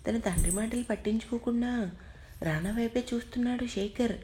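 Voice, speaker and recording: A woman narrating an audio story in a steady, gentle reading voice. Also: fairly high pitch, brisk, a little hiss or hum.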